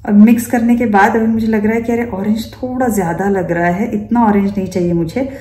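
In an echoey room, a makeup teacher with a medium-pitched, dark, steady voice speaks fairly quickly. Her instructional demonstration walks students through each step, often posing rhetorical questions to them.

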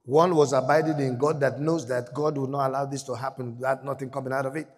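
A man's voice: medium pitch, flat delivery, fast, long reverb tail. A man pastor delivering an emphatic sermon in a church, repeating phrases for effect.

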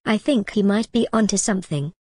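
A woman speaks straight to her viewers in a scripted monologue, earnest and persuasive but slipping in wry little jokes. Her pitch sits in an ordinary middle range, and the recording is dry and close, with no room sound around her. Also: fairly quick, a little mellow, slightly rough, no echo. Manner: wry, jokey asides amid earnest persuasion. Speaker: video creator.

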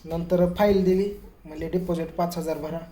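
A man's voice: fairly high pitch, moderate pace. Storytelling man in an echoey room. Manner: lively retelling that acts out others' quoted words. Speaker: family vlogger. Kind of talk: casual storytelling to camera. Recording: echoey room with faint ambient noise.

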